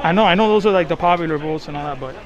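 A casual guy from Miami, Florida, live-streams himself walking around a crowded outdoor boat show, on the docks and inside boat cabins. His voice is a little high and very fast, and the lo-fi audio picks up busy crowd chatter behind him. He's excitable and slangy and drops Spanish phrases, though the heat has tired him out.

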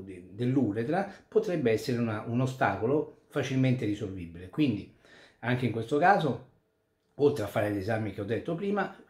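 A man, a urologist and andrologist, calmly explaining a medical topic step by step to viewers. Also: medium pitch. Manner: calm, methodical, explanatory with occasional restarts. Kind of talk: explainer talk to camera. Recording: echoey room.

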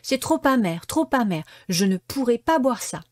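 A woman's voice: big pitch swings, normal speed, no room sound, clean studio sound. A woman voicing a cheeky, stubborn wooden puppet boy in a storybook reading, whiny and pleading. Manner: whiny and pleading, high and loud.

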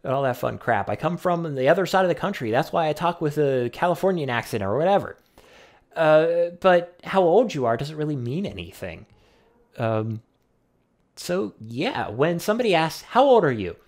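A man's voice: on the high side, animated, normal speed. A young adult man talking casually to the camera in a rambling, wry way, with many fillers and some swearing. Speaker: vlogger.

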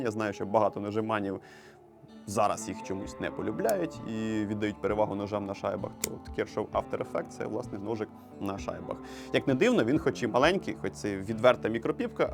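Chatty lower-voiced Ukrainian male knife reviewer. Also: creaky. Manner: chatty, joking, enthusiastic about knives. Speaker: knife reviewer and show host. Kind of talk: casual product review.

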